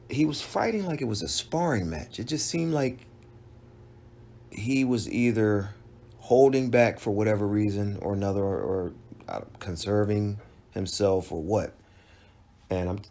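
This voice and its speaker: A man giving a halting solo recap of a boxing match, with frequent restarts and fillers. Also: lowish voice, creaky, darkish tone. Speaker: boxing commentator.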